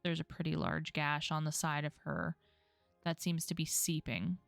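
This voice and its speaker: A woman's voice: low voice, moderate pace, gravelly, a bit bright, no room sound, soft background music. A woman narrating a tabletop role-playing game as game master.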